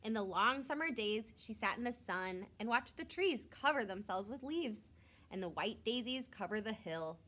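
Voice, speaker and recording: A teacher-style female reader works through a children's picture book, her voice lively with lots of pitch movement. She reads with expression and drops in short, simple asides for young children.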